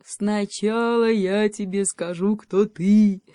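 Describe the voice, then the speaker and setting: A woman voicing a boastful, jolly male circus bear who talks in a loud, drawn-out way. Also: medium pitch, steady tone, no room sound, clean studio sound, close to an everyday voice. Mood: mocking.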